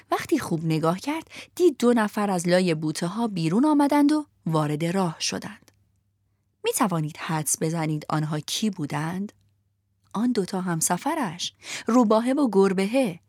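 A woman narrating a children's storybook in a gentle, expressive reading voice. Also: mid-range voice, no echo, studio quality.

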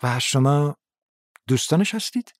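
Brief: a man doing a smooth, quiet, threatening gangster in an audiobook, dry close sound, slow hushed delivery. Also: a little high, expressive, no room sound, lightly acted. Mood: quietly menacing. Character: suave polite menacing middle-aged male gangster.

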